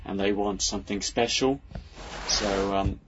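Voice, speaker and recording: A podcast host who also performs on a unicycle tells a casual, rambling anecdote, hesitating often with plenty of ums and restarts. His voice is fairly low and fairly even, his pace measured. The recording has background noise and the highs are cut off.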